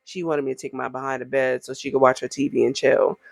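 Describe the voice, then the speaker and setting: A woman's voice: rumbling low, flat delivery, fast, creaky, no room sound. A woman giving a casual, encouraging tarot reading straight to the viewer, talking in a chatty way with emphatic asides. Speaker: tarot reader.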